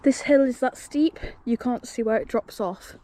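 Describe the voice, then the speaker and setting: A woman's voice: a little high, normal speed, dark tone, no room sound. A woman from the UK, out of breath, chatting to camera on an outdoor hike with lots of ums. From United Kingdom. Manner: chatty, upbeat, with frequent ums. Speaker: hiking vlogger. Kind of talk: casual vlog to camera. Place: outdoors on a hill path.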